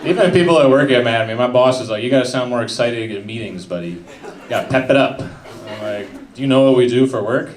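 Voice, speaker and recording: Young guy mumbling through a deadpan standup set, roomy club sound. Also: mid-range voice, fast. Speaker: stand-up comedian. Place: comedy club stage with a live audience. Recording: echoey room with background noise.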